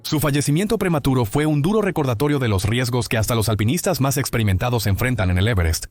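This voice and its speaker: A man's voice: medium pitch, lively intonation, quick pace, darkish tone, no echo, faint music behind. Dramatic male documentary narrator. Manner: dramatic, storytelling delivery.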